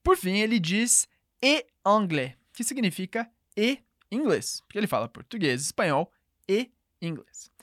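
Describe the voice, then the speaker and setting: A woman teaching a language lesson, clear and patient, slowing down to model each phrase. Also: mid-range voice, big pitch swings, no room sound, clean studio sound. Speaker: French teacher.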